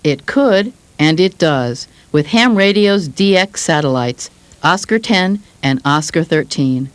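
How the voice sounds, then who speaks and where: A woman reading scripted instructional narration with an even, informative delivery. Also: low-pitched, takes it slowly, no echo.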